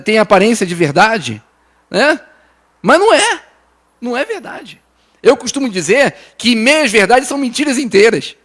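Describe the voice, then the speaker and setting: A male pastor with a São Paulo Brazilian accent preaching a sermon. He restarts and repeats words, keeps asking the congregation "né?", and moves between urgent raised lines and soft low ones. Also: very animated, moderate pace. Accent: Brazilian Portuguese, São Paulo.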